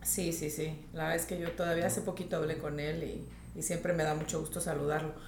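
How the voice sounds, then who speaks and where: A woman's voice: deep voice, level tone, fairly quick, darkish tone, echoey room, slight background noise. A woman from northern Mexico, a real estate agent, talking directly and laughing easily as a podcast guest. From northern Mexico, grew up in Tijuana. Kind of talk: casual interview chat.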